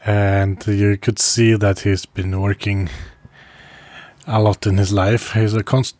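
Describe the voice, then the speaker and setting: Slow, halting man recounting his travels. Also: fairly low pitch, level tone, dry recording. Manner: halting, with frequent pauses and restarts; soft chuckles between phrases. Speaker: traveler recording a video diary. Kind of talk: casual first-person travel diary.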